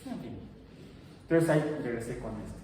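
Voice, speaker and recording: A middle-aged teacher with a Mexican Spanish accent lectures his class, drifting into chatty, rambling anecdotes. His mid-range voice has a dark tone and a sing-song lilt at a moderate pace. The mic sits at a distance in a roomy, echoing space with faint noise.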